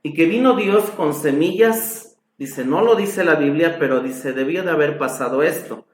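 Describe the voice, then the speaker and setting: A man preaching a sermon as a pastor, slow and emphatic, his voice rising on exclamations. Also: fairly high pitch, roomy sound. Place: church hall.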